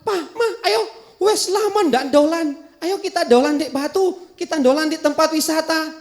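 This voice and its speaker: A man voicing a demanding young child, whining and shouting. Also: extremely high pitch, normal speed, voice pushed up. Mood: pleading.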